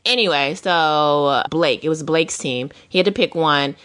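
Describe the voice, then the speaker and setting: Woman podcast cohost, kinda low voice, rambles and acts out scenes, casual tv talk. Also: unhurried. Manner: animated, rambling, dramatic impressions. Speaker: podcast co-host. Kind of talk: casual chat about TV shows.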